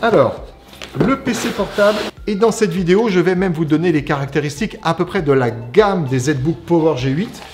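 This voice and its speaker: A man's voice: on the high side, animated, normal speed, music in the background. A man from an IT company giving a casual, chatty unboxing review, explaining as he goes. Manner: chatty, explanatory, frequent "alors" and "on va dire". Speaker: IT company presenter.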